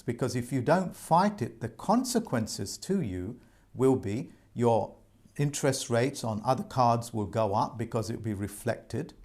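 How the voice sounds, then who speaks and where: A presenter offering debt advice talks directly to his viewers in an informal monologue, addressing them as folks. His mid-range voice has a darkish tone and moves around a lot, and he keeps returning to his points with earnest insistence.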